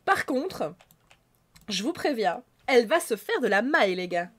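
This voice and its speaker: A bubbly woman chats straight to her audience while she plays, gushing and excitable. Her voice sits a little high and leaps widely in pitch. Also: measured pace, slightly rough. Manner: excitable, gushing, talks to viewers. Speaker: gaming YouTuber. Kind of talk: casual Let's Play commentary.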